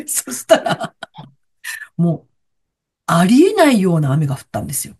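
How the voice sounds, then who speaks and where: A woman, a guest in a casual chat, telling stories in an animated way and laughing often. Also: on the low side, unhurried, slightly rough.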